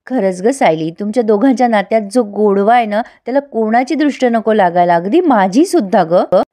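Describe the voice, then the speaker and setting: A loving older mother-in-law speaks gently and slowly, giving tender advice, as a woman storyteller voices her. It stays close to the storyteller's own voice. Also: medium pitch, expressive, close to an everyday voice.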